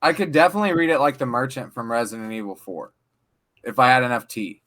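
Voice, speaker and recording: A man co-hosting a podcast, joking around and getting excited in casual chat. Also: mid-range voice, fast talker. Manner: jokey, excitable, laughing. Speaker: podcast co-host.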